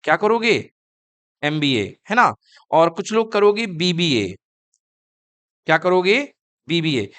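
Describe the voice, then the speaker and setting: Male teacher, smooth dry voice. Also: a little high, very animated, slow pace, pauses often, a bit bright, no room sound. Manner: asks students questions and answers them himself; calls students kids and beta. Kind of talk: classroom lecture.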